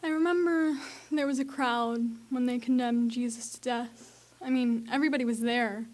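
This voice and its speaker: A woman's voice: a little high, steady tone, moderate pace, lightly acted. A young woman playing an onlooker in the crowd, telling it earnestly. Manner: earnest, shouting at times. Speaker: student actor.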